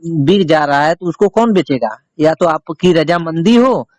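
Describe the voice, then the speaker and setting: This reporter's voice is a little high and a little mellow, animated yet measured in pace, with no room sound. Interviewing someone over a recorded phone call, he insists on his questions, repeating them with emphasis.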